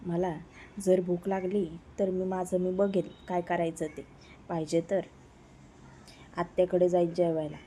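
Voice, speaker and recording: Woman voicing a sulky young man, lovesick, low-pitched, mellow, storybook romance. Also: level tone, a little slow, long pauses, slight background noise, close to an everyday voice.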